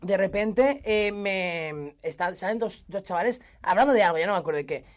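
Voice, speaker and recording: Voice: medium pitch, lively intonation, moderate pace. A podcast co-host telling a story in casual chat, imitating the people he quotes. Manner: tells anecdotes, imitates other people's voices.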